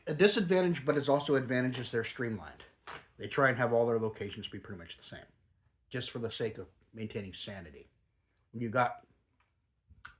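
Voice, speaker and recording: A middle-aged or older man chatting casually and rambling like a home reviewer, talking with a lip full of dip. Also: medium pitch. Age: middle-aged or older, a grandfather. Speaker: product reviewer.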